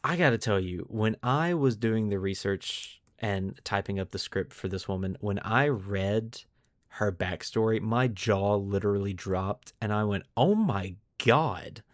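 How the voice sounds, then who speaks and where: On the low side and animated, this man's voice moves a little slowly, captured in studio quality with no echo. As a podcast host, he blends scripted lore narration with casual remarks and leans dramatically on key words.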